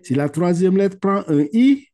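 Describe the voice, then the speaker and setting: A high-pitched man with a dark, expressive voice runs a Quran reading class over video call. Patient and methodical, he asks "ok?" frequently and recites the Arabic words slowly and at length so they can be repeated back.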